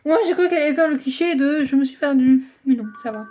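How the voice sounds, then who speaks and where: A woman's voice: high-pitched, fast talker, warm tone. A young woman hosting a reaction video, chatting casually with rambling, self-correcting asides and acting out lines in exaggerated voices. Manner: playful, reads the characters' lines aloud in exaggerated voices.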